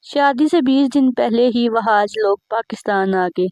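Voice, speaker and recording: A woman narrating a scripted family story in a steady, plain way. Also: on the high side, measured pace, dry recording.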